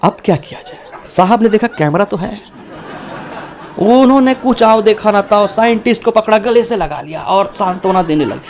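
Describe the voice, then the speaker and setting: A man's voice: moderate pace, a little hiss or hum. A young man performing a stand-up comedy set, acting out characters with big swings in his voice. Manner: animated, acts out characters with shifting pitch.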